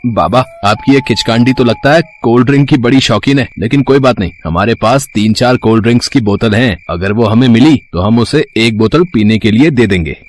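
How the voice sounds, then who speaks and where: A man's voice: fairly low pitch, expressive, normal speed, a little hiss or hum, natural voice. A man voicing a cocky young male college student who mocks and jokes in a cartoon horror story. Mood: mocking. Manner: mocking, joking tone.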